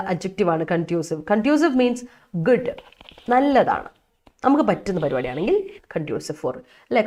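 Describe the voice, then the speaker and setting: A woman's voice: mid-range voice, darkish tone. A woman with a Malayali accent teaching English in a live online class, chatty, often checking with her students and reading their sentences aloud. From Kerala. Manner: chatty, keeps asking "right?" of her students; switches between two languages, reads student sentences aloud.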